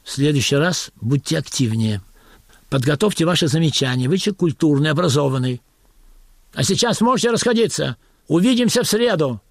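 A stiff, self-important officer sums up a rehearsal in a lecturing tone, as a man reads him. The voice sits fairly high and the recording is dry. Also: lively intonation, a little fast, no room sound. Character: pompous army political officer directing play.

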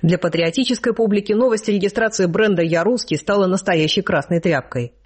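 Male news host, high-pitched and husky, steady scripted read. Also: brisk.

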